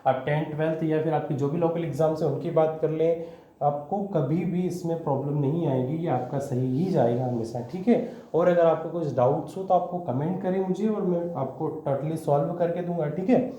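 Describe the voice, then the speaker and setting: A man's voice: fairly high pitch, moderate pace, dark tone. Echoey man teaching a grammar lesson. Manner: patient, repeats "okay?" and quizzes the listener. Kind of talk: explaining English grammar to students. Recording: echoey room, dull lo-fi sound.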